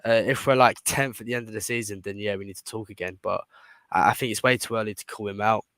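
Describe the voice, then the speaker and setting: A British man with a bright, forward voice chats casually about football as a fan show guest. The sound is close and dry, with no room on it. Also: on the low side, steady tone, fast talker, no echo. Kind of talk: casual football opinion chat.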